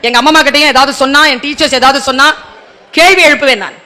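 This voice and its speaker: A man with a strikingly high voice delivers a motivational speech to a room of students. His tone is bright and forceful, and he keeps turning to the audience with pointed rhetorical questions, slipping into quick acted dialogues to make his point. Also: steady tone. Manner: rhetorical, quizzes the audience directly; acts out short dialogues in between. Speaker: motivational speaker addressing students.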